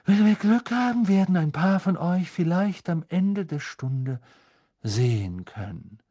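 A theatrical older female seer with a mystical, drawn-out delivery, as a male audiobook narrator voices her. Her voice sits well above his own and swoops about, sometimes dropping to an eerie breathy whisper. The story is read for a storybook recording. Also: sits high, animated, dark tone, voice pushed up. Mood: mystical, solemn. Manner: drawn-out, airy and solemn, sinking to breathy whispers. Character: eccentric older female fortune-telling teacher, mystical, theatrical. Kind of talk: audiobook character voice.

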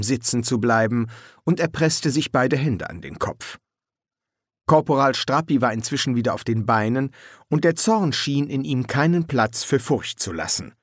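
Slow, expressive male audiobook narrator. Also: medium pitch, dry recording, clean studio sound. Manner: expressive, measured reading. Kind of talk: scripted narration.

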